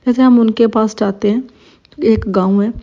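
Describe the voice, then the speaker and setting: A woman shares a personal devotional testimony, pausing often and searching for words. Her voice is mellow and gravelly, and her delivery stays flat. The recording sounds dull and lo-fi. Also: on the high side. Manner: emotional, hesitant storytelling with many fillers.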